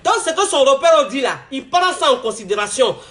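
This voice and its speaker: Brief: Ivorian man, high and congested with a cold, chatty slang-heavy advice vlogger. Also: fairly quick. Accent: Ivorian French. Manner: animated, repetitive, chatty street slang. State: congested with a cold, throat-clearing. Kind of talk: casual advice monologue to viewers.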